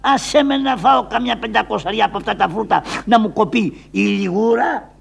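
A man voicing Karagiozis, a cheeky, forgetful poor man from traditional shadow-puppet theatre, with a high, whining, stammering voice. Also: creaky, slightly rough, heavily acted. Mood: dazed, carefree.

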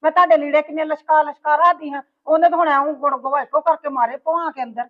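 High-pitched woman, rapid, scolding mother-in-law, muffled lo-fi sound. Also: steady tone. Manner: scolding, complaining. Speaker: mother-in-law in a family drama. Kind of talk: amateur family drama acting. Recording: dull lo-fi recording.

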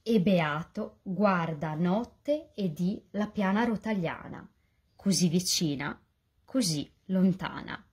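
A woman reading a rhyming children's story aloud as a volunteer reader, in a lively, sing-song delivery. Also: fairly low pitch, slow, slightly rough.

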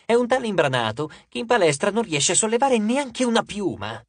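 A brash teenage boy hero in an audiobook, all showy bragging and mockery, as a male narrator puts him on. His voice leaps around with lively swings in pitch, recorded close and dry. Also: a little fast, no echo, exaggerated voice. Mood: mocking. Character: cocky teenage boy hero, boastful joker.

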